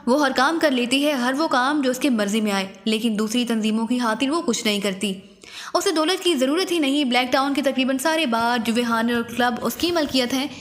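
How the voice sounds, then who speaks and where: A woman's voice: high voice, brisk, lightly acted. A woman reading as a panicked male crime boss. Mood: confiding. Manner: frantic and pleading. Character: frightened middle-aged male crime boss, a doting father. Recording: long reverberant echo.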